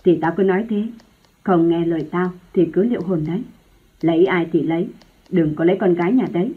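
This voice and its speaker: Storybook role: a shrewish, bossy old mother, read by a woman, husky and loud, on a tinny phone-like recording. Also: lowish voice, fairly quick. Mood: scolding. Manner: loud scolding, harsh and contemptuous. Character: sharp-tongued shrewish older mother, domineering.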